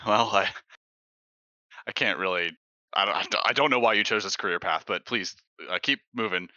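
Hesitant low-voiced male player. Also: moderate pace, sharp tone, no room sound, lo-fi sound. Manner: hesitant, lots of ums and restarts. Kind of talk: playing a tabletop game in character.

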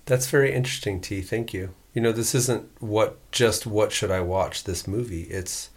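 An easygoing man co-hosting a casual podcast. His voice sits low, and he talks in a relaxed way, working out his thoughts as he goes. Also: moderate pace, husky. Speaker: podcast co-host. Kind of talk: casual chat.

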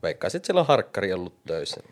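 A man with a very low voice co-hosts a casual podcast chat. His pitch swings a lot while he makes dry, blunt remarks and swears casually. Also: very animated.

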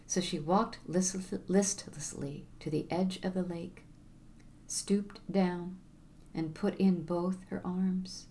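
Warm, low-voiced woman storyteller. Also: slight background noise. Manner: measured, expressive reading. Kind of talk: storybook narration.

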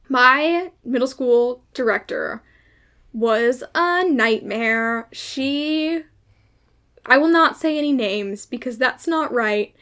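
A woman's voice: on the high side, clean tone. Chatty young woman podcast co-host. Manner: animated storytelling with swearing. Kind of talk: casual chat.

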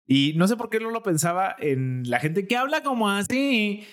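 A man's voice: high voice, moderate pace. Man in easygoing podcast chat. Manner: relaxed storytelling, quotes himself. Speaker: podcast co-host. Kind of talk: casual chat.

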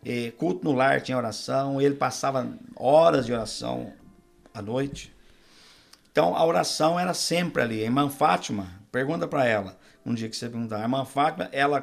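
A middle-aged Brazilian man, a pastor and podcast guest, telling his testimony in a relaxed conversation and acting out the dialogue he quotes. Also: medium pitch, a little fast, vocal fry. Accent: Brazilian Portuguese. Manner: storyteller who acts out quoted dialogue. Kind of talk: testimony told in a casual interview.

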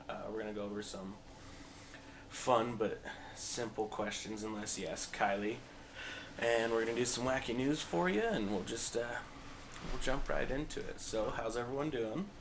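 A young man hosts a casual podcast with a low voice that has a gravelly edge. He teases his guests and argues his case with conviction. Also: moderate pace, slight background noise. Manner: teasing, argumentative. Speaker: podcast host. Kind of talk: casual chat.

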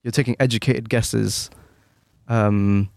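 A man co-hosting a podcast in casual chat, rambling quickly with many restarts and fillers. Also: lowish voice, steady tone, creaky, darkish tone, dry recording, clean studio sound. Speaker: podcast co-host.

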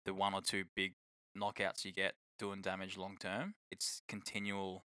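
Blokey Australian man with a bright voice. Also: low-pitched, completely flat delivery, moderate pace, no echo. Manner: blokey, slangy, matey. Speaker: sports talk co-host. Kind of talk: casual sports chat.

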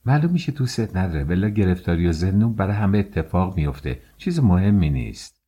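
A man puts on a young woman in love who begs for promises, his low voice only lightly lifted. Her lines come out eager and pleading in this storybook reading. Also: animated, warm tone, slightly rough. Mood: earnest.

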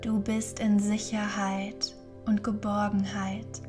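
A woman leading a guided meditation in a soft, breathy near-whisper, soothing and unhurried, gently giving instructions. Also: medium pitch, flat delivery, over music. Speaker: podcast host and guided meditation leader.

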